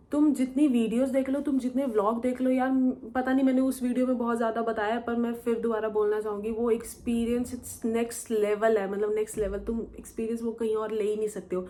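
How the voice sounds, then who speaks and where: A young woman vlogger chats straight to camera, telling her story with lively, animated energy. She talks in a loose, colloquial way and keeps slipping English words into her sentences. Her pitch sits in the middle of the usual range for a woman. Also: a little fast. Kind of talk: casual Q&A storytelling.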